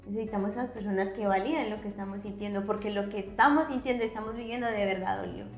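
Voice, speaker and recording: A woman psychologist explaining concepts on a podcast, teacherly, often checking in with a quick question. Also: medium pitch, reverberant, faint music behind. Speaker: psychologist guest.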